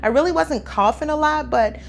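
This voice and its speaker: A woman in her fifties telling a casual story to viewers, chatty and animated, her throat sore as she gets over the flu. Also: high-pitched, brisk, vocal fry, a little hiss or hum. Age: 50s. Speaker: vlogger. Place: home room by a window, construction outside.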